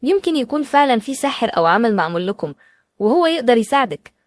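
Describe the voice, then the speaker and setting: A woman voicing a caring female friend who gently coaxes and reassures, with an Egyptian accent. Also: a little high, sing-song, fast, dry recording, studio quality, pitched above the performer's own voice. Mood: coaxing. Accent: Egyptian Arabic. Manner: coaxing, reassuring.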